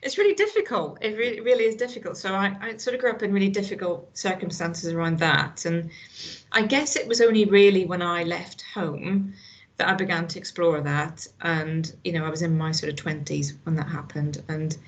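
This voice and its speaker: In a casual conversation, a middle-aged hospital staff guest from Northern Ireland speaks earnestly at normal speed. Her voice is on the low side, and her Northern Irish accent has a slight Scottish touch. Restarts are frequent, as is "you know."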